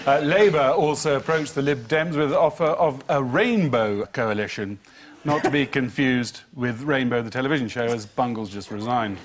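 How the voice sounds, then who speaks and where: A man's voice: medium pitch, moderate pace. A man presenting a comedy news quiz as host, reading scripted lines. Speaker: panel show host. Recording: clearly noisy studio recording.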